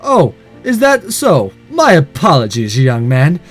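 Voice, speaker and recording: A man voicing a smarmy, slow-spoken middle-aged homeroom teacher in a visual novel. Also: on the high side, huge pitch swings, husky, soft background music, exaggerated voice.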